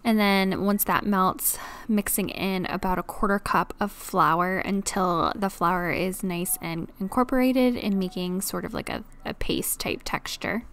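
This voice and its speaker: A young adult woman chatting casually through a cook-along voice-over, relaxed and full of little fillers and asides. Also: mid-range voice, a little slow, hardly any pauses, clean tone. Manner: chatty, relaxed, filler-heavy, self-deprecating. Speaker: cooking vlogger.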